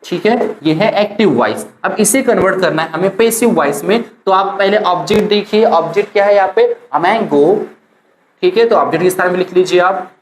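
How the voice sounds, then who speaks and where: An Indian woman teaching English grammar to students, drilling sentence patterns slowly and often checking they follow along. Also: lowish voice, echoey room, slight background noise, rough recording. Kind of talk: classroom grammar lesson.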